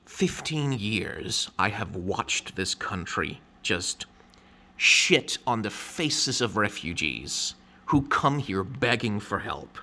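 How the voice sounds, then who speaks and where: A man's voice: on the low side, sing-song, slow pace, gravelly, sharp tone. A man giving a casual, heated vlog rant, swearing freely and stumbling over repeated words as he goes. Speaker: vlogger. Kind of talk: casual, impassioned rant to camera.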